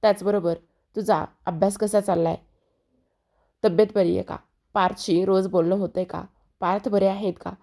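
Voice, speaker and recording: A woman's voice: medium pitch, fairly even intonation, normal speed, pauses often, dark tone, close to an everyday voice. A woman reading a bitter, cold older sister.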